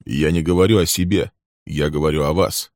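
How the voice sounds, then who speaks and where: A man voicing a composed man who speaks slowly and evenly. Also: extremely low pitch, fairly even intonation, a little mellow, no echo, clean studio sound. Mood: measured. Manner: slow, level, measured. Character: calm, composed man, coolly threatening.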